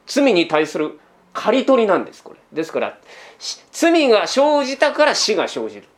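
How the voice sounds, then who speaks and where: A man's voice: sits high, huge pitch swings, brisk. A man giving a sermon as pastor, in a conversational way full of rhetorical questions, often tagging sentences with a trailing "this".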